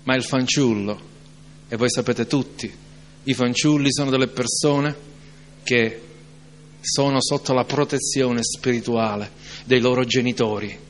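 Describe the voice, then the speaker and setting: Slow, deliberate male preacher. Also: mid-range voice, a little hiss or hum. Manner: swells from calm to loud emphatic rises. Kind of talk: sermon.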